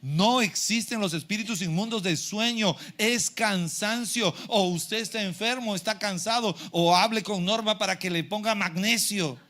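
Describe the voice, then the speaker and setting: Middle-aged pastor, bright forceful voice, lively preaching that acts out voices. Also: male voice, sits high, normal speed, hardly any pauses. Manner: animated preaching, acting out congregants' complaints. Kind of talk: sermon. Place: church.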